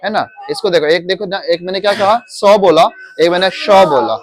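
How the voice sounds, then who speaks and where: A man's voice: sits high, fairly quick, slight background noise. A male teacher in a classroom, drilling students on pronunciation and patiently repeating words, mixing English into his Hindi.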